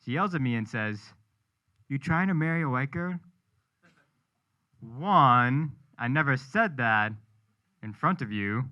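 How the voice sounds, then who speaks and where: A man's voice: mid-range voice, lively intonation, takes it slowly, long pauses, sharp tone, dull audio. A young man from New Hampshire doing a self-deprecating stand-up set at a live show. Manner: self-deprecating, punchline delivery. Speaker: stand-up comedian. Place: live comedy show with audience.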